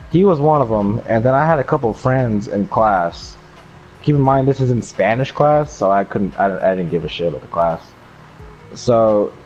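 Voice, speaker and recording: This young American storyteller has a fairly low, somewhat mellow voice as he loosely recounts something to a friend, cursing and slipping into slang along the way. The recording is muffled lo-fi with faint noise behind it.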